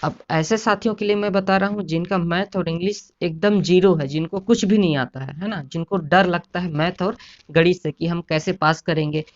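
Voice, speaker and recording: A man's voice: sits high, moderate pace. Man teaching. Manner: repetitive, keeps adding "है ना" and "साथियों". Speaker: exam prep teacher. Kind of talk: casual explanatory lecture. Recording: dull lo-fi sound.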